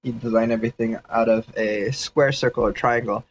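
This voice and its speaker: A man's voice: mid-range voice, fairly even intonation, fairly quick, a little hiss or hum, rough recording. A man casually thinking aloud during a livestream sketch session, rambling and hedging with fillers as he explains his ideas. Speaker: 3D artist streaming a sketch session.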